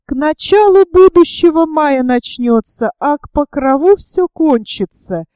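A woman playing a blunt, scheming young male conspirator who speaks curtly and roughly. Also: high voice, lively intonation, a little slow, warm tone, dry recording, voice pushed up. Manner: curt and rough in speech.

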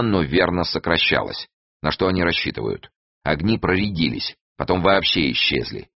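A man reading an adventure novel aloud as narrator, with expressive storytelling. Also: rumbling low, no room sound, muffled recording. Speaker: audiobook narrator. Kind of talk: scripted narration.

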